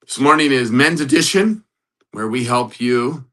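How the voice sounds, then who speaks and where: A man's voice: medium pitch, expressive, measured pace, bright, forceful tone, rough recording. A man hosting a casual live stream as a matchmaker, upbeat, greeting viewers in the chat and repeating motivational phrases. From United States. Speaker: livestream host and matchmaker.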